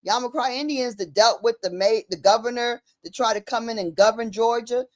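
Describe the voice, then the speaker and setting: A woman's voice: fairly high pitch, fairly quick. A woman talking casually and emphatically, using slang and repeating phrases to drive her points home. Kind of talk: casual conversational commentary.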